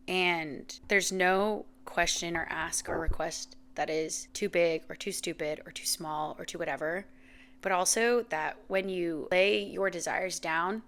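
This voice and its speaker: A woman in her thirties hosts a reflective faith podcast, speaking from the heart in a fairly low, slightly bright voice. She's earnest and emotional, near tears, often saying "like" and "you know" in her monologue.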